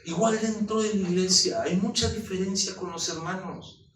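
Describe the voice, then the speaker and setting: A middle-aged man, a pastor, preaching a sermon in a lively, joking way full of rhetorical questions. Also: high voice, moderate pace, slight background noise. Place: church hall. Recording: echoey room, mic at a distance.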